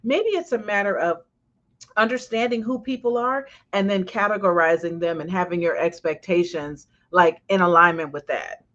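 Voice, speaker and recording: A woman hosting a casual talk show as a coach, telling stories with lively swings when she quotes people. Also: lowish voice, normal speed. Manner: animated storyteller, swings loud when quoting. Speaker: podcast host and coach. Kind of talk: casual chat. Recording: slightly dull lo-fi sound.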